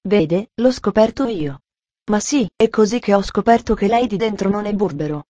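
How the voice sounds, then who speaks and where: A woman's voice: mid-range voice, expressive, normal speed, warm tone, dry recording, highs cut off, lightly acted. A woman reading the part of a cheerful, talkative little girl in an audiobook, with an eager, earnest manner.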